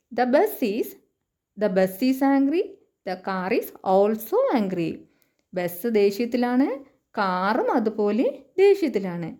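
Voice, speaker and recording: A woman with a Malayali accent giving a lesson to young children, reading a storybook in a sing-song way and saying the English lines slowly. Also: fairly high pitch, warm tone. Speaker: teacher.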